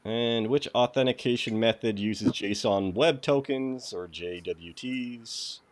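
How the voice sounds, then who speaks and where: A man with a New England accent and a medium-pitched, slow voice hosts a casual livestreamed tech tutorial, walking through a cybersecurity lab. He reads quiz questions aloud and greets viewers by name.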